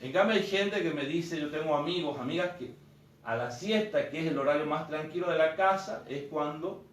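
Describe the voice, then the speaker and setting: Priest, higher voice, roomy sound. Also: male voice. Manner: storytelling, acting out quoted dialogue. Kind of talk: informal teaching talk to a group. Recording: echoey room, mic far off.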